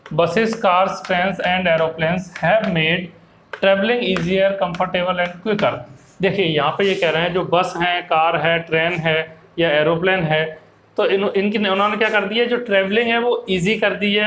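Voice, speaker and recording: A man teaching an English essay in an online class. He explains each line in Hindi and reads the English phrases out slowly, checking in with "theek hai na" as he goes. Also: high voice, fairly bright tone, echoey room, a little hiss or hum, low-quality recording. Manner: coaxing, repeats "theek hai na".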